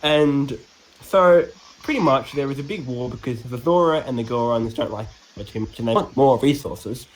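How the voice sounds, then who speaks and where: A man's voice: medium pitch, moderate pace, a little hiss or hum, rough recording. An Australian man co-hosting a podcast, casually recapping game lore in a rambling, joking way with many fillers and restarts. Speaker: podcast co-host.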